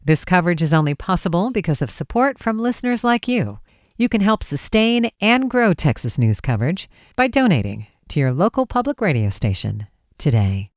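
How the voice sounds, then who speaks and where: Woman, station announcer, lively, lower voice, dry close mic. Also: moderate pace, no room sound. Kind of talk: scripted announcement.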